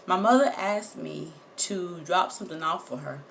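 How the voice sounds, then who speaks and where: A woman telling a personal story straight to her viewers, animated and emphatic, repeating words for effect and swearing casually. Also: fairly low pitch, normal speed, vocal fry, a little hiss or hum. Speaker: vlogger.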